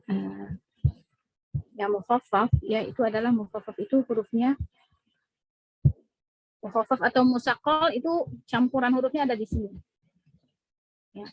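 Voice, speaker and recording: A Quran recitation teacher leads a tajwid lesson in a mosque class, speaking in a slightly high, breathy voice. She is patient and repetitive, often checking in with her listeners with frequent "ya" checks. The audio has no echo and its highs are cut off.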